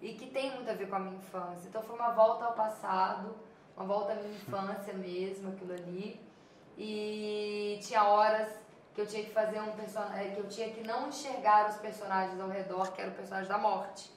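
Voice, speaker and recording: A woman's voice: medium pitch, fairly even intonation, brisk. Reflective woman with a Minas Gerais accent, roomy distant sound. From Minas Gerais, Brazil. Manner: reflective, trailing off with "sabe?" and "assim". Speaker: actress guest. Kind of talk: casual interview chat. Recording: roomy, distant mic, faint noise.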